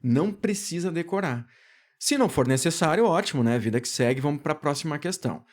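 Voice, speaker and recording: Brazilian male teacher, exam-prep lesson, very animated pitch, drags out key words slowly. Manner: lively, questions students and answers himself.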